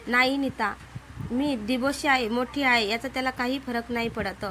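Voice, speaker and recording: A woman's voice: on the high side, fairly even intonation, normal speed, a bit bright, a little hiss or hum, natural voice. A woman voicing a modest, hesitant divorced woman who keeps turning down a proposal. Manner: hesitant, pleading.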